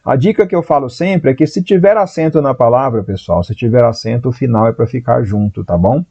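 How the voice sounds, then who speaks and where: A Brazilian man teaching a live online exam-prep class, lively and chatty, answering viewers by name. His voice is mellow and relaxed. The audio sounds slightly dull. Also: medium pitch, brisk, gravelly, breathy edge. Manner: voices students' doubts in a raised voice.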